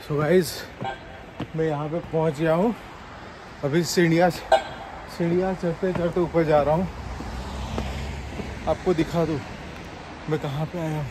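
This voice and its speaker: A man from Gujarat, India, films a walking tour vlog and keeps excitedly telling viewers to look around. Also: on the high side, a little slow, long pauses, background noise. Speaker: travel vlogger. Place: underground cafe, then outdoors on city streets. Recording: music playing behind the voice.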